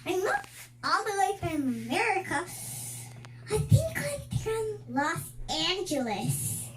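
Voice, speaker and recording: A young girl voicing a sassy, whiny girl puppet in a squeaky ventriloquist dummy voice, complaining dramatically. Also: very animated, slow, exaggerated voice. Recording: echoey room.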